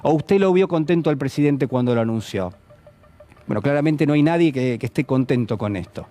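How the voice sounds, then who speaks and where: A man's voice: mid-range voice, lively intonation, brisk, warm tone. A man giving a televised political commentary, speaking to the viewer directly and posing rhetorical questions. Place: television studio.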